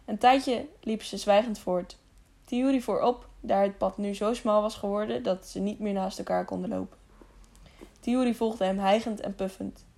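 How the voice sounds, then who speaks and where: A woman narrating an adventure audiobook at a middling pitch. She tells the story steadily and now and then restarts a word. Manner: even storytelling with small slips and restarts. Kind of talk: scripted narration.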